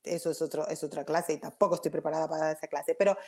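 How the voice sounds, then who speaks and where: A spiritual teacher gives viewers an informal talk in Spanish, rambling with restarts, sprinkling in English words, and chattily checking in with frequent "ok?". Her low voice has a dark tone and a steady delivery, though she speaks at a racing pace.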